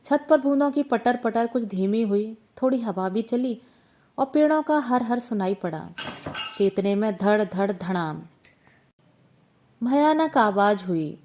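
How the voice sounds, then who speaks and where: A woman storyteller reading a short story aloud in a calm, measured way. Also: fairly high pitch. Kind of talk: scripted narration.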